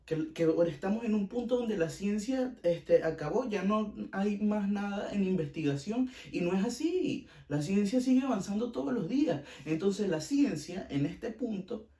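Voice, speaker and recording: A man's voice: high voice, dark tone, echoey room, far from the mic. A man with a Venezuelan accent hosting a casual podcast, giving blunt opinions and repeating himself for emphasis. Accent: Venezuelan Spanish. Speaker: podcast host.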